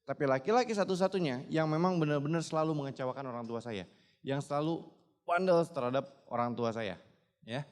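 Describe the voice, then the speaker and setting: A man's voice: fairly high pitch, fairly quick, darkish tone. A man in his twenties gives a motivational testimonial speech at a business seminar, emphatically addressing the audience again and again. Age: 20s. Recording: long hall reverb.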